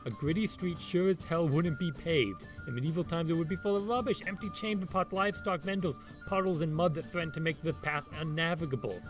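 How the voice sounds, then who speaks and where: A man's voice: fairly high pitch, fairly quick, hardly any pauses. A man who says his r like w, giving sarcastic, exasperated commentary as an opinionated critic who swears. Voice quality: rhotacism, r sounds like w. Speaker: video essay critic. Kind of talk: opinionated ranting video commentary. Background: music behind the voice.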